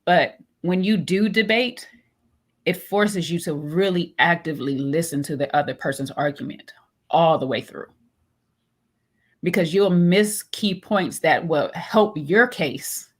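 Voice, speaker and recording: A woman co-hosting a relaxed talk show in a slightly low voice. She is animated and laughs often. She acts out both sides of an argument as she talks. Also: takes it slowly. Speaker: co-host. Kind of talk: casual chat.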